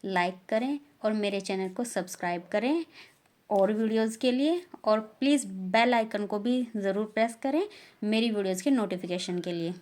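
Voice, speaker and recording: A young woman teaching a beginner language lesson, saying each new word slowly and loudly, twice over. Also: medium pitch. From India.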